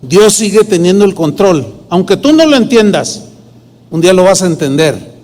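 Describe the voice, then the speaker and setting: Pastor preaching in a reverberant hall. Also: male voice, high-pitched, sing-song, moderate pace, a little mellow. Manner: storytelling, acts out dialogue in quoted voices. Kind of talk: sermon with personal testimony.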